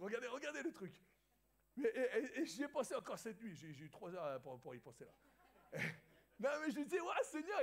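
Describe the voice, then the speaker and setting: A high-pitched French pastor tells a lively anecdote during a sermon to his church in a church hall. He acts out the dialogue and laughs along as he goes.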